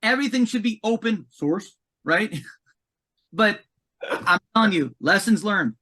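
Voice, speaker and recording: Bright, high-voiced emphatic man. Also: slow pace. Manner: emphatic and animated, repeats words. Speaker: commissioning consultant, podcast guest. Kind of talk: casual podcast conversation.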